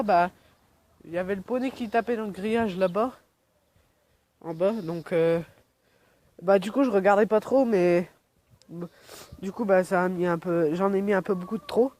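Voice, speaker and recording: Shot on a phone camera outdoors, this casual vlog has a young man with a cold rambling about his yard with plenty of fillers, his voice high and a little mellow.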